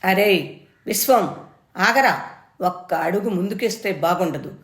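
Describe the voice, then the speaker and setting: Fierce elderly grandmother, voiced by a woman storyteller, firm and impassioned, low voice in a roomy space. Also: moderate pace, lightly acted. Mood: furious. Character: stern, fierce old grandmother defending her garden. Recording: roomy echo.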